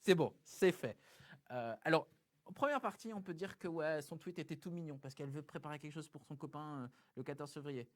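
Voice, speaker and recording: A man's voice: a little high, a little fast. Chatty young man hosting a live show. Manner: chatty, animated, full of fillers. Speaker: host. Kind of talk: casual chat reading tweets.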